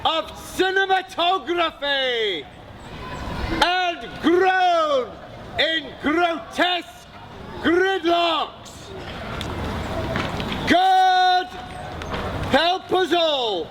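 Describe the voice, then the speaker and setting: A man delivering a town crier's proclamation, loud and theatrical, in halting short phrases. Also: extremely high pitch. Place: outdoors in a town. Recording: noisy outdoor recording with crowd.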